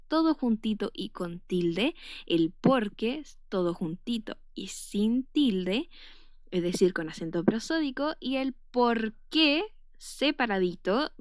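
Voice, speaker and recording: A woman's voice: medium pitch, no room sound, clean studio sound. A woman teacher with a Chilean Spanish accent giving a recorded spelling lesson, explaining step by step with frequent "eh" fillers and stressed example words.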